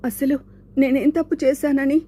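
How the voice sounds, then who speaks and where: A woman's voice: sits high, steady tone, normal speed, warm tone, voice pushed up, natural voice. A woman voicing a bullied young male student who pleads in a tearful, distraught way, in an audiobook. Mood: pleading. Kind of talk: audiobook character voice.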